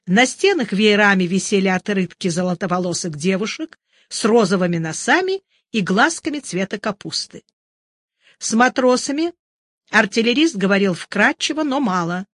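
Measured literary narrator, dry close sound. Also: mid-range voice, lively intonation, fairly bright tone, no echo. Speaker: audiobook narrator.

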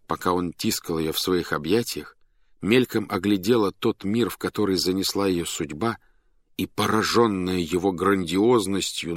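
A man reading a story aloud as narrator, in an animated, dramatic manner that speeds up and slows down. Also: deep voice, no room sound.

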